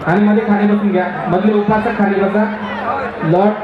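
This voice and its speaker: A man organizing a ceremony, giving directions to a large crowd over a PA loudspeaker. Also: sits high, level tone, a little fast. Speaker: event organizer and announcer. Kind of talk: public announcements at a ceremony. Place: outdoors at a large gathering. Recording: echoey muffled outdoor PA with loud crowd.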